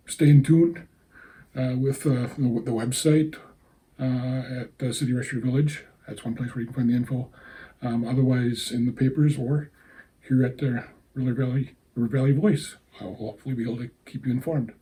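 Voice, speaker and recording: A man gives an informal public announcement as a small-town mayor. His voice is very dark and mellow at an average pitch. He talks haltingly and off the cuff, in a folksy way. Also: poor audio.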